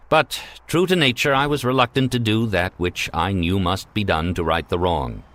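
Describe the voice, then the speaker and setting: A man narrating a self-help story in a measured, earnest way. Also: deep voice, fairly bright tone, slight background noise.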